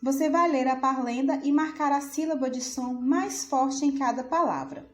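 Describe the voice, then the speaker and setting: A woman teacher giving a school lesson, drawing out words slowly and checking in with questions to the pupil. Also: high voice. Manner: slow, drawn-out syllables, repeats words aloud; asks the pupil questions, says "certo?". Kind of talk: recorded remote school lesson. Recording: roomy echo, faint music behind.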